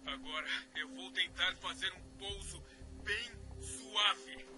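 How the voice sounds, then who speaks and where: A man's voice: high-pitched, takes it slowly. An actor voicing a tense male airline pilot, heard as a cockpit voice recorder playback with clipped, urgent calls. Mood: alarmed. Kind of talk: dubbed documentary reenactment. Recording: distant recorder playback under music.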